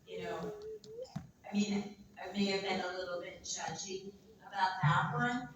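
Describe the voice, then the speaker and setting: A woman's voice: medium pitch, measured pace. A woman in her sixties, a former kids' TV host, chatting and laughing often while answering panel questions. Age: 60s. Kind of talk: casual panel Q&A. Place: large convention hall. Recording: echoey hall, far mic, background noise.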